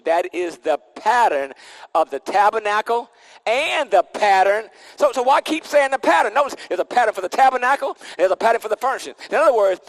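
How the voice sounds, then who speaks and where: A man's voice: high-pitched, in a large hall, rough recording. A man preaching a sermon into a pulpit microphone, emphatic and repetitive, with casual vernacular and call-and-response. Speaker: pastor.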